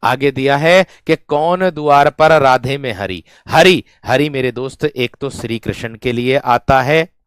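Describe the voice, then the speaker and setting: Slightly high and a bit bright, the man's clean voice comes through with no room sound in a clean studio setting. He's a Hindi teacher running a grammar lesson, repeating phrases over and over and calling his students friends and brave ones.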